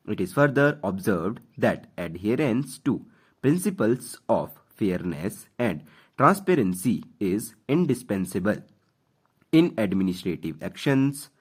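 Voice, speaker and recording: A man with an Indian accent giving slow school-style dictation of formal legal text, phrase by phrase, speaking the punctuation aloud. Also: on the low side, breathy edge. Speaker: dictation instructor reading for stenography practice.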